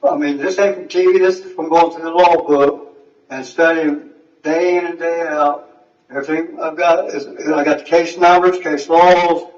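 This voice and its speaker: A man's voice: a little high, steady tone, moderate pace. An American man as a defendant, arguing off the cuff in an insistent, fumbling, colloquial way and repeating himself. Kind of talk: spontaneous argument in court. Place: courtroom. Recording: echoey, muffled, distant courtroom microphone.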